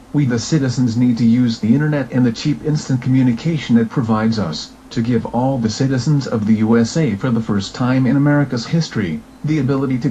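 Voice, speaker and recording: A man with a dark, relaxed voice of middling pitch reads a scripted political message. His delivery is formal and declarative. The recording is dull and lo-fi. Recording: dull lo-fi sound, faint noise.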